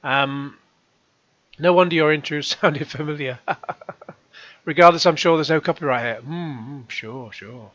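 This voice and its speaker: A middle-aged man hosting his own channel, reading out comments and answering them with sarcasm and rambling asides, his voice going hoarse. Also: on the high side, normal speed, pauses often, fairly bright tone, dry recording, highs cut off. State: hoarse, coughing. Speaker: YouTube channel host.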